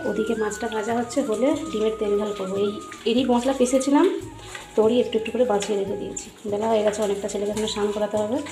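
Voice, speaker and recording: A woman's voice: mid-range voice, fairly even intonation, very fast, roomy sound, music in the background. A woman chatting through a casual cooking vlog in her home kitchen, often checking in with viewers. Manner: chatty, keeps asking "right?". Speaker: vlogger. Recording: noisy home recording.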